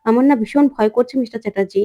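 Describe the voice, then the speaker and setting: A woman narrator voicing a desperate, determined young mother from a serial drama, insistent and pleading. Her voice sits a little high. She repeats herself for emphasis. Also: very fast, mellow, lightly acted.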